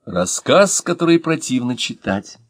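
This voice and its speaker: A man reading humorous short stories aloud in an expressive, ironic way. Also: mid-range voice, a little slow, no echo, studio quality. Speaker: reader.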